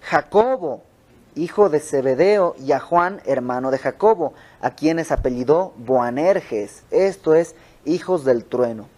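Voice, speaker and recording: A young man with a Mexican accent teaches an informal Bible study in a house, talking with the listeners rather than preaching at them. His voice sits fairly high, and he tells the stories in an animated way, slipping into the characters' lines as he goes. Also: measured pace. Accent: Mexican Spanish. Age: young adult. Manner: conversational, animated storytelling with quoted dialogue. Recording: home recording with audio flaws.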